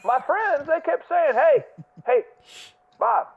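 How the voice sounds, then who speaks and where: Guy putting on a squeaky oblivious rambler leaving a voicemail, tinny phone sound. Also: expressive, slow pace, full character voice. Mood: oblivious cheer. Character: clueless man abroad, high-voiced, cheerful rambler. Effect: heard over a phone line as a voicemail. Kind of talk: comedic prank voicemail.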